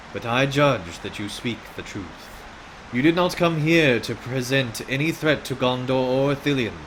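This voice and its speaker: An actor playing a noble captain in a game, formal, deliberate and commanding as he sits in judgment. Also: mid-range voice, slight background noise, natural voice, rough recording. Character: stern, measured noble captain sitting in judgment.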